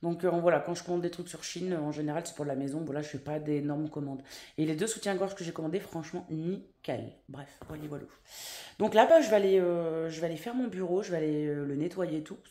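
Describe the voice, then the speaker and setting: A woman's voice: low voice, a little fast, mellow. Rambling French vlogger woman, echoey room. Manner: rambling, many fillers and restarts. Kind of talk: casual vlog chat. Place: at home, indoors.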